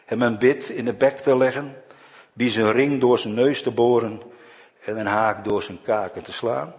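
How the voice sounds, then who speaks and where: A preacher voicing God as a mighty male figure who fires booming, challenging questions. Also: steady tone, moderate pace, in a large hall, lightly acted.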